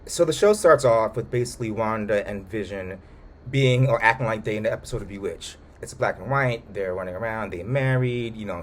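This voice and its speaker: A man's voice: on the low side, a little hiss or hum. A man recapping and reviewing a show in a casual, colloquial way with joking asides.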